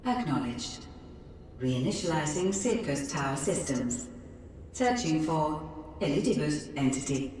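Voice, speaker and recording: Low robotic computer voice, echoing. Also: female voice, a little slow. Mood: clipped. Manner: flat, clipped system announcements. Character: female computer system of a tower, cold and efficient. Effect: robotic synthetic computer voice. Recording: very echoey and distant, faint noise.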